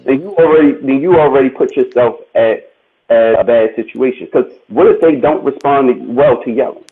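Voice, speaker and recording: Guy on a panel talk show, thinking out loud, sounds like a phone line. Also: medium pitch, moderate pace. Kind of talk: casual talk show discussion. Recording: tinny phone-like call audio.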